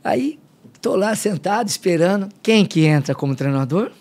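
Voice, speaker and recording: Middle-aged man, slightly high voice. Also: normal speed. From Limeira, São Paulo state, Brazil. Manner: lively storyteller, acts out dialogue. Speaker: podcast guest, fitness coach. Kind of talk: casual storytelling interview.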